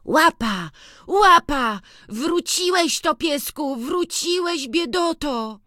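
A narrator voicing a young farm boy who speaks in high, eager exclamations, in an audiobook. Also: expressive, slow pace, no room sound, studio quality. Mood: joyful. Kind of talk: audiobook reading.

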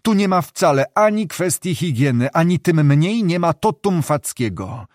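A man voicing a gruff, scornful older male estate administrator who mocks and blusters. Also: on the high side, very animated, moderate pace, darkish tone, no room sound, studio quality, pitched above the performer's own voice. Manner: mocking, blustering.

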